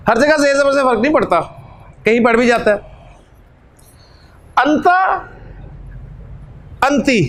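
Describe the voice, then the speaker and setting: A very high-pitched man, an Arabic teacher, gives a classroom-style grammar lesson and gestures with his hands as he speaks. He drills short pronoun forms in a steady chanted repetition and often adds a polite "जी" (ji) to his explanations.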